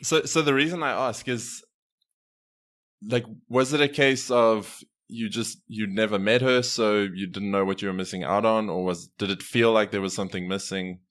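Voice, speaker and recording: A man in his twenties hosting a casual podcast interview, relaxed and hesitant with many ums. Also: on the low side, moderate pace. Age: 20s. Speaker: podcast host.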